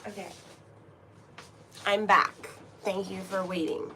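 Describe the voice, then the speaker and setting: Slow and level in tone, this woman's mid-range voice sounds pushed and bright. She has a cold and sniffles as she chats playfully with stream viewers from her home room ahead of a tarot reading, giggling at her own jokes, with slight background noise.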